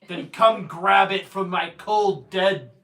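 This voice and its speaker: A man voicing a menacing male cult leader who shouts threats and boasts. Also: sits high, slow, full character voice. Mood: threatening.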